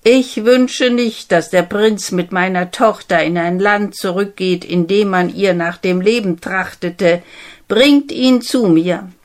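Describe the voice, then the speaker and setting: Eine Frau, die in einer Märchenlesung einen strengen, misstrauischen alten König spricht, langsam und nachdrücklich. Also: female voice, mid-range voice, takes it slowly, natural voice. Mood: stern. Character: stern old king, commanding and suspicious.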